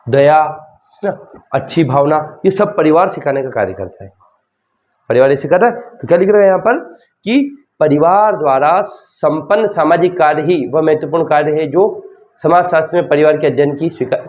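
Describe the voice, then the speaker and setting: A man's voice: a little high, darkish tone, highs cut off. A male teacher from who gives an exam-prep lecture in a chatty, colloquial way and keeps asking his students questions.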